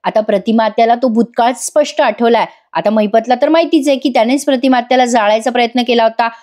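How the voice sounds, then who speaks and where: Woman recapping a tv serial, a bit high voice, chatty, talks to the viewers. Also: quick pace. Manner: lively storytelling, addresses viewers directly. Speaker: serial reviewer. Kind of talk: voice-over episode recap.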